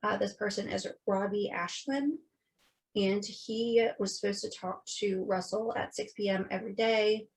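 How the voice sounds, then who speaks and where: A woman co-hosting a podcast recounts a true-crime case in a chatty, casual way, swearing freely and quoting people in different voices. She speaks at a medium pitch with fairly even intonation and a measured pace.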